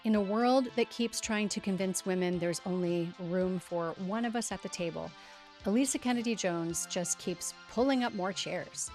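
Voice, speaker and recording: A woman's voice: medium pitch, moderate pace, a little mellow, faint music behind. A middle-aged woman hosting a podcast, reading a scripted introduction in an emphatic, conversational way. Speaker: podcast host.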